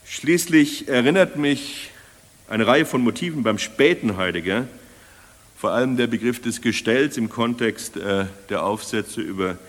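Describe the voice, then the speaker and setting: A man's voice: medium pitch, lively intonation. Older man lecturing in a reverberant hall. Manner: deliberate, restates and repeats key phrases. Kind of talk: academic lecture.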